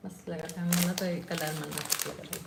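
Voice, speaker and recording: Brief: woman with a Chhattisgarhi accent, vlogger selling clothes, coaxing chatter, echoey room, clear background noise. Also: fairly low pitch, steady tone, normal speed. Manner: chatty, coaxing sales talk with tag questions. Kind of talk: casual sales vlog.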